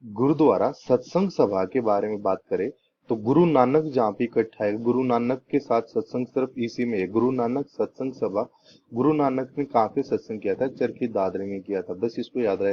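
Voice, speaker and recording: Young male tutor, deep-ish voice, repetitive quiz-style delivery, dull lo-fi recording with faint hiss. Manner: repetitive, asks rhetorical questions and answers them. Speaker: teacher. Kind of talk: exam-prep lesson teaching memory tricks.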